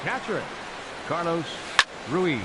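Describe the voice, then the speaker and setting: A man voicing a stadium public-address announcer over a loudspeaker, with a measured, formal delivery that draws out each name. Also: on the high side, lively intonation. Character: formal male ballpark PA announcer. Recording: distant stadium loudspeaker over a loud crowd. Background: loud cheering crowd and ballpark noise.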